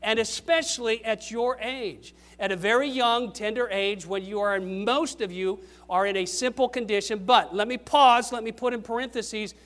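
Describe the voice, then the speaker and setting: Older man preaching, high voice, emphatic rises and soft drops, grandfatherly pulpit style. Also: normal speed, hardly any pauses. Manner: emphatic, rising on key questions then dropping low. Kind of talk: sermon.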